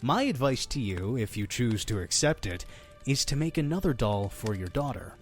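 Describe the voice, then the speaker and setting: Faint music plays behind an animated man of medium pitch who speaks at a moderate pace in a natural voice. He is an audio drama's innkeeper, friendly and mysterious, telling stories and delivering dialogue in an earnest, persuasive, folksy way.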